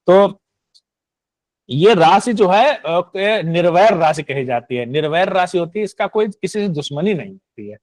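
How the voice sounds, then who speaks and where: A man's voice: high voice, animated, normal speed, darkish tone, no room sound. Didactic Hindi-speaking male teacher. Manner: didactic, repeats points with "है ना" tag questions. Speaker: Sanskrit and astrology teacher. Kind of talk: online class lecture.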